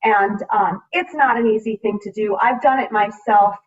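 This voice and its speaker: An American woman legislator speaks earnestly and emphatically from personal conviction during public panel remarks on a video call. Her voice is medium-pitched at a normal speed, and the remote meeting audio sounds distant and muffled.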